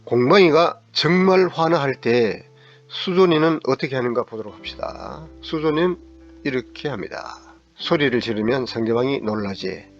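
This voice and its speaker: A man's voice: mid-range voice, expressive, normal speed. A middle-aged man lecturing as a counseling psychologist, explaining step by step and sometimes acting out angry remarks in a raised voice. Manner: acts out angry quoted lines in a raised voice. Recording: slightly dull recording with faint guitar music.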